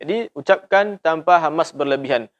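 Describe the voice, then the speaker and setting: Ustadz type, indonesian man, slightly high voice, patient recitation teacher, dull lo-fi audio. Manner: patient, repeats syllables slowly as examples. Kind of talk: tajwid lesson with drawn-out demonstrations.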